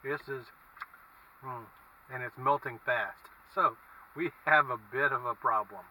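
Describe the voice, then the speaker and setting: A man giving a casual food review as he eats, speaking in a halting, musing way inside a car. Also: medium pitch, sharp tone. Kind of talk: casual vlog review, talking while eating. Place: inside a parked car with windows down. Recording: distant mic, faint car and traffic noise.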